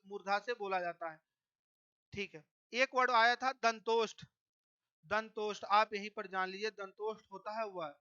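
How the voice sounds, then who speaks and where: A teacher giving an exam-prep lesson on a solved test paper, drilling each point, ending nearly every line with a quick check-in and dropping in English words. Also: medium pitch, pushed and bright, clean tone, muffled recording.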